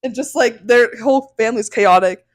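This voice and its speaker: A woman's voice: fairly high pitch, brisk, no echo. A woman in her twenties co-hosting a podcast, telling a story in casual chat with lots of swearing and laughter. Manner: animated storytelling, swears a lot, laughs often. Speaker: podcast co-host.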